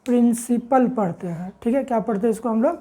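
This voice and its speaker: Dark-voiced woman teaching spelling rules. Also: a little high, fast. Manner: spells words letter by letter, asks and answers her own questions. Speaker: English teacher. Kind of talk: classroom-style lesson.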